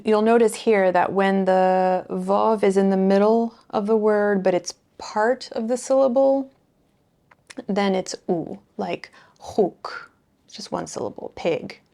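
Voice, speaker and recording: A woman's voice: medium pitch, a little mellow. A woman teaching a beginner language lesson, patiently repeating sounds and words one at a time and sometimes thinking aloud with fillers.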